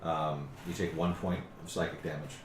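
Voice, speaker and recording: A man with an extremely low voice narrates a tabletop game casually as game master. The room is echoey, with a little background noise. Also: level tone, normal speed.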